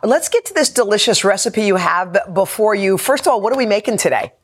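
A woman co-hosts a morning show with a husky, slightly breathy voice. She chats with easy enthusiasm as she asks a guest about her travels and a recipe. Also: medium pitch, lively intonation, fast. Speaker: co-host.

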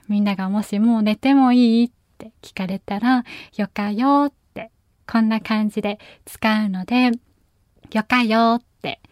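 A woman from Nagasaki hosting a late-night radio show, talking gently and politely, now and then tripping over her words and laughing it off. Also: mid-range voice, dry recording, clean studio sound. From Nagasaki, Japan. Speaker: radio show host and pianist. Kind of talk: soft-spoken late-night radio talk.

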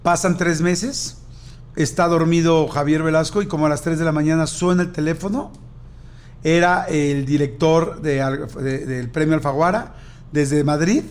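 A man with a notably high voice and a Mexican accent tells a story in relaxed conversation. He acts out other people's lines as he goes, and the telling stays animated throughout. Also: moderate pace. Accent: Mexican Spanish. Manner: animated anecdote-telling, acting out dialogue. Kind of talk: casual chat.

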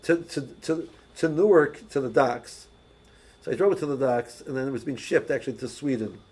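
Husky-voiced man teaching with stories. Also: mid-range voice, normal speed, a little mellow, low-quality recording. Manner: storytelling, many restarts and repeated words. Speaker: religious teacher. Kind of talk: casual teaching talk with anecdotes.

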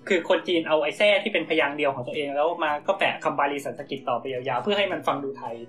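Guy rambling fast on a podcast, lots of restarts, some guitar music behind. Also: on the high side, a bit bright. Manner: rambling, full of fillers and restarts. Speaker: podcast co-host. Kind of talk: casual chat, improvised storytelling.

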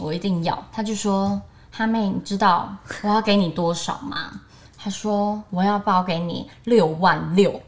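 A woman's voice: mid-range voice, a bit bright. A young woman in her twenties with a Taiwanese Mandarin accent, co-hosting a casual podcast and telling a story animatedly, acting out what others said. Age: 20s. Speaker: podcast co-host.

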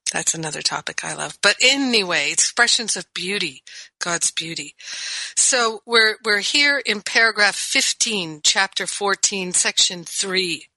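A woman's voice: mid-range voice, expressive, a little slow, sharp tone, dry recording, low-quality recording. Exuberant woman hosting a radio show. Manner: exuberant, laughs often, gushing. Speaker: radio show host and spiritual teacher. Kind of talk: enthusiastic radio talk show teaching.

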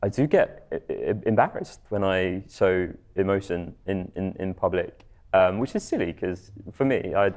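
A man's voice: low voice, animated, normal speed, darkish tone. A man speaking candidly about personal experiences as a guest on a discussion panel.

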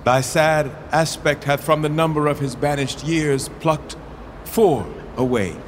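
A man's voice: on the high side, measured pace, lightly acted. An actor playing a young, imperious medieval king, declaiming Shakespearean verse in a regal, mercurial manner. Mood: softer, condescending. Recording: long hall reverb, background noise.

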